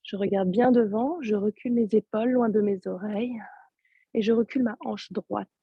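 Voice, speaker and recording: A woman yoga teacher with a sore throat, giving calm, soft-spoken step-by-step cues over a video call. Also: medium pitch, normal speed, slightly rough, dry recording, dull audio. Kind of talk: guided yoga class instruction.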